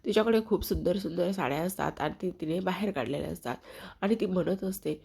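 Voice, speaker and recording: Husky, gravelly-voiced woman telling a story. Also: fairly low pitch, fast talker, warm tone. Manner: retells scenes in a running present tense, voicing every character herself. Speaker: serial recap narrator. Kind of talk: casual storytelling recap.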